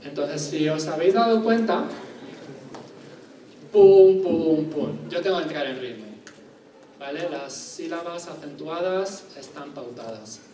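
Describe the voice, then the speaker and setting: A man's voice: on the high side, expressive, moderate pace, a little mellow, slight background noise. A man giving a university lecture, explaining step by step and checking in with rhetorical questions. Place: lecture hall. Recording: echoey room from far off, faint ambience.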